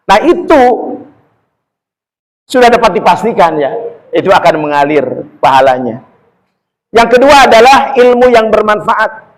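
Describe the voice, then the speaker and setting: Lively high-voiced preacher. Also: male voice, unhurried, pauses often, low-quality recording. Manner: chatty, addresses audience as "Bun", quotes Arabic verses. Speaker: Islamic preacher. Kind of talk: religious lecture to women.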